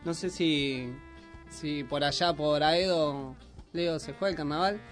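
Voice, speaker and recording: A high-voiced man chats loosely on community radio, cracking jokes with his co-hosts. Faint music plays underneath. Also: measured pace, a bit bright. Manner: chatty, joking. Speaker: radio host. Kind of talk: casual radio chat.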